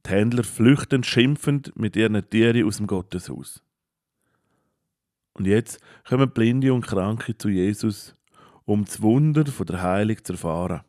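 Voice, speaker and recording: Calm storybook narrator, low voice. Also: male voice, unhurried, dry recording, studio quality. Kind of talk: children's Bible storybook narration.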